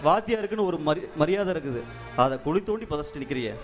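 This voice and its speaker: A man's voice: a little high, lively intonation, quick pace, over music, natural voice. A man acting a betrayed friend in a stage drama, reproaching in a declamatory way. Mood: reproachful. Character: betrayed friend and older brother, wounded.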